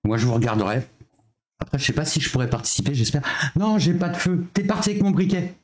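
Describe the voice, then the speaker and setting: A man's voice: fairly high pitch, sing-song, fast, a little mellow. A man streaming live, chatting casually while setting up a reaction video and thinking aloud with little filler sounds.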